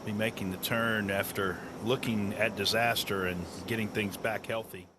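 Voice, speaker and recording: Low-voiced male golf commentator. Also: steady tone, moderate pace. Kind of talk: live televised golf commentary, analysis. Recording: noisy outdoor broadcast sound.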